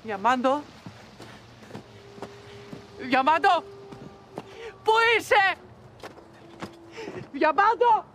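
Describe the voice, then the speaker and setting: Woman doing a fierce devout auntie, high-pitched, earnest, motherly. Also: pauses often, a little hiss or hum, natural voice. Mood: calling out. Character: protective aunt, fierce and devout. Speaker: aunt of the girl. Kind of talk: period television drama acting.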